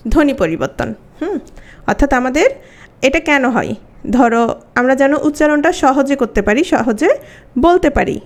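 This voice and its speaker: A woman teacher, giving an exam-prep grammar lesson and asking her students questions as she explains. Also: high voice.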